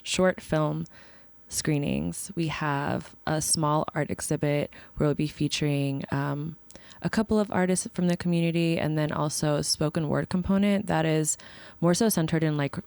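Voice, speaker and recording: A woman guest talking in a relaxed, reflective way with many fillers, in a casual conversation. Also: deep voice, normal speed, gravelly, smooth, no echo. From born in the United States, raised partly in Ethiopia. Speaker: guest, film series organizer.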